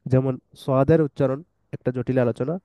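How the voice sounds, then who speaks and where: A man teaching an online tajweed lesson, explaining letter sounds patiently step by step and reciting verses slowly. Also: mid-range voice, steady tone, mellow, dry recording, poor audio.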